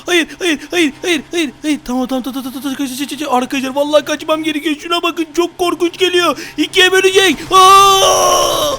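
A high-pitched man narrates a Minecraft role-play in loud, frantic bursts. He repeats words over and over as the action heats up and talks straight to his viewers. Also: fairly even intonation, quick pace, few pauses, a little hiss or hum. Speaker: gaming YouTuber.

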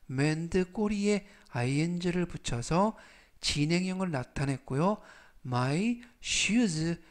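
A man teaching English vocabulary in a scripted lesson, saying each word slowly and repeating it three times. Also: a little high.

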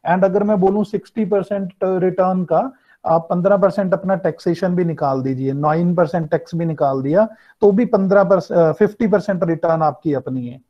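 A man's voice: high voice, very fast. A middle-aged man with a North Indian accent and Hindi as his native language, lecturing an online class in two mixed languages, explaining and checking with students, over a computer mic on a video call. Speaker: finance teacher. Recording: dull, lo-fi video-call audio.

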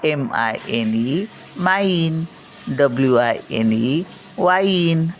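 A woman's voice: low-pitched, expressive, drawn-out words, a little hiss or hum. An older woman, a grandmother, teaching children English word sounds, spelling each word letter by letter and then saying it, often checking with a short "hm?". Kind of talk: slow spelling lesson, letter by letter.

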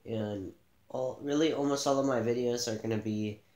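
A man giving a casual gameplay tutorial, relaxed and thinking aloud as he plays in a dim room, filmed by a camera pointed at the TV. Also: medium pitch, moderate pace, echoey room. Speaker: gaming channel host.

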